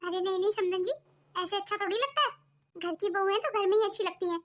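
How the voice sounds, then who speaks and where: A woman's voice: very high voice, fast talker, a bit bright. A woman voicing a strict, controlling middle-aged mother-in-law in a cartoon, bossy and lecturing. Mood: scolding. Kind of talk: cartoon voice acting.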